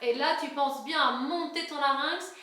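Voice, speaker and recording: Bright-voiced woman teaching singing, very echoey. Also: sits high, normal speed. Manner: explains step by step, addressing the viewer informally, breaking into sung examples. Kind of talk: online singing lesson with sung demonstrations. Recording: very echoey room, faint music.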